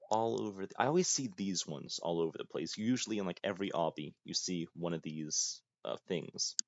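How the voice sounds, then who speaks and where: A man's voice: deep voice, animated, a little fast, no room sound. A young man giving casual gameplay commentary, muttering to himself and joking at his own expense in a dry, self-mocking way. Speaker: gaming YouTuber. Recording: dull lo-fi, dry.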